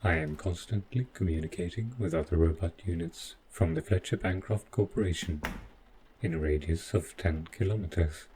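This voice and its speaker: A man acts out a calm, devoted robot butler with a very deep voice, speaking at normal speed with light acting over a steady background noise on a rough recording. His phrasing is formal, stiff, precise and deferential, avoiding contractions like a servant in a scripted sci-fi audio drama, and his mood is calm and attentive.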